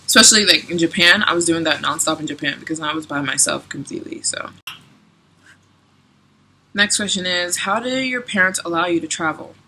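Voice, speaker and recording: Young woman in her twenties, bright crisp tone, chatty vlogger who laughs easily. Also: lowish voice, animated, normal speed, pauses often, a little hiss or hum. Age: 20s. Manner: chatty, giggly, lots of "like" and "um". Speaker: travel vlogger. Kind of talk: casual Q&A vlog.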